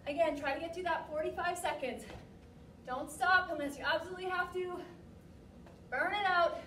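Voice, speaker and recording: A young woman working as an aerobics instructor, calling out cues and encouragement in short, energetic, motivating bursts. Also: very high voice, moderate pace. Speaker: aerobics and fitness class instructor. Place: large gym studio, indoors. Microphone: distant camera microphone. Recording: echoey gym, distant mic, noisy.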